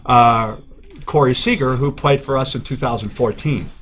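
Man, team rep and ballpark announcer, casual promo chat, medium pitch. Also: normal speed, a bit bright. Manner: upbeat promotional, joking. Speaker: baseball team representative and stadium announcer. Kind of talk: casual studio interview.

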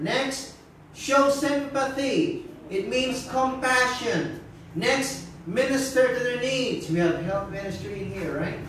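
A man's voice: high voice, a bit bright, slight background noise. A middle-aged man with a Filipino accent preaching a sermon in a church, emphatic, counting off points and asking the congregation questions. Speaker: pastor. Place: church hall, indoors. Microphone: handheld mic, far camera. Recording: very echoey hall, from far off.

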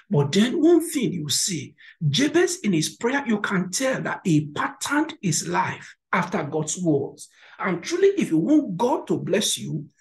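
A woman's voice: medium pitch, a little mellow, poor audio. A woman pastor preaching a sermon, exhorting the congregation with repeated words and direct questions. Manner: exhorting and encouraging.

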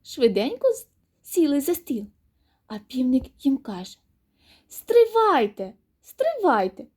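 A woman tells a children's fairy tale in an expressive, sing-song way. Her voice sits high and swoops widely in pitch. Her delivery is animated and storybook-like. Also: measured pace, slightly rough.

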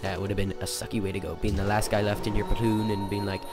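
Young guy doing lets play commentary, lowish voice, jumpy and goofy, game music going in the back. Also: quick pace. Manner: excitable, jokey, thinks aloud. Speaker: gaming channel host. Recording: game music playing behind.

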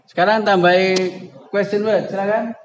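A man teaching an English grammar lesson to a class, reading example sentences slowly and prompting students to answer. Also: high voice, steady tone, slight background noise, low-quality recording. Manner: slow, drawn-out example sentences with prompting calls.

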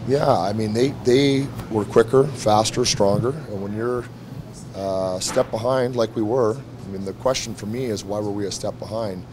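A middle-aged head coach answers reporters after a game in a lowish voice at a moderate pace, with background noise around him. Standing before a team backdrop in an arena press room, with several handheld mics held close, he's blunt and frank and keeps repeating his points.

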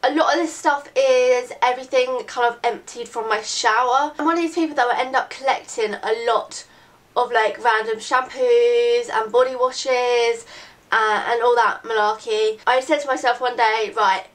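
A chatty late-teen beauty vlogger, congested from a cold, talks casually to the camera from her bedroom, rambling with lots of "like" and "really, really." Her voice is on the high side and fairly bright, with a steady tone at normal speed, picked up by a camera in front of her at desk distance.

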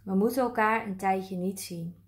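A woman voicing a calm, sensible male ant in a storybook, who speaks patiently and matter-of-factly. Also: medium pitch, normal speed, close to an everyday voice.

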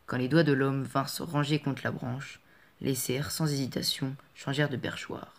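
A male audiobook reader narrating a storybook chapter. His pitch sits at an ordinary middle height, and he reads in a measured, calm and steady way. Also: vocal fry.

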